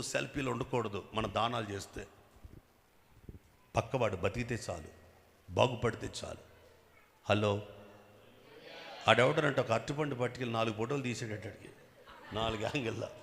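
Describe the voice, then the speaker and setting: A man preaching a sermon as bishop with a Telugu accent, emphatic, swinging from loud bursts to quiet asides and prodding the congregation with questions. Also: medium pitch, creaky, a little hiss or hum. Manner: emphatic, bursts loud then drops soft, prods the crowd with questions. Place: church hall with long reverb. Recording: echoey church hall.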